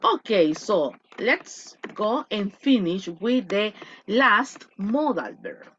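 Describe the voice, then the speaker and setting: Lively woman teacher on a lo-fi call. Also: mid-range voice, slight background noise. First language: Spanish. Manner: lively, switching between Spanish and English, drawn-out model words. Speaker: English teacher. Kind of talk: online class teaching English in Spanish. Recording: lo-fi video call audio.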